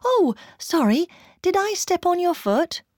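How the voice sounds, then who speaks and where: A woman's voice: sits high, very animated, slow pace, dry recording, clean studio sound, voice pushed up, exaggerated voice. A woman putting on the voices of overly polite, apologetic English people in a storybook reading, sing-song and exaggerated. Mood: chirpy polite.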